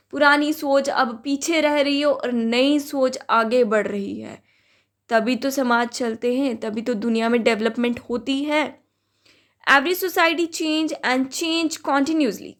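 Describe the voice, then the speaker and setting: A woman giving an exam-prep lecture. She reads each English line slowly, then explains it in Hindi and answers her own questions. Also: high voice, fairly bright tone. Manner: asks questions and answers them herself. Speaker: teacher.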